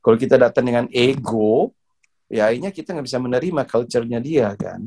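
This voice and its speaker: A middle-aged man from Indonesia, a badminton coach, telling stories in a relaxed interview, laughing often and repeating words as he searches for them. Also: mid-range voice, brisk, gravelly. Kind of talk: casual interview storytelling.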